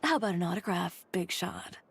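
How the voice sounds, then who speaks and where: An actress playing a poised, perceptive woman in a video game, wry, measured and dryly teasing. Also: lowish voice, expressive, a little hiss or hum. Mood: amused, teasing. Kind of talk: video game character dialogue. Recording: background music under the dialogue.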